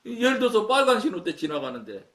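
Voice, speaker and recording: This man's voice is high-pitched, quick, sing-song and a bit bright. He is a pastor from Chungcheong, Korea, speaking with the local accent as he delivers a sermon, narrating his story and voicing the dialogue, recorded far from the mic in an echoey room.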